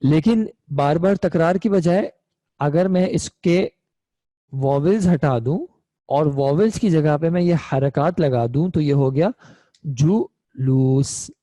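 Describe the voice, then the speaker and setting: A man gives an online grammar lesson in a mellow, fairly high voice. He explains step by step and keeps checking that his students follow. He is recorded close and dry. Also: no room sound. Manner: patient, checks understanding often. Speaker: online Arabic grammar teacher.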